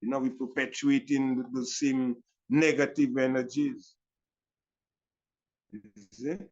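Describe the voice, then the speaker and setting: An older Caribbean man speaks in the reasoning manner of a Rastafari elder. His voice sits at a medium-high male pitch for ordinary talk, and he builds his thoughts through repeated phrases. The recording is slightly dull and lo-fi. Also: level tone, a little mellow. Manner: Rastafari elder's reasoning speech, deliberate phrasing with repetitions and "you know".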